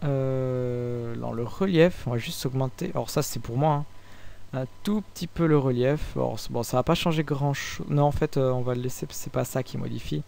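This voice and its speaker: Casual, halting young Frenchman explaining software. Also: mid-range voice, creaky. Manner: halting, many fillers and restarts, relaxed and informal. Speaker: tutorial maker. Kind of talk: casual screen-recorded software tutorial.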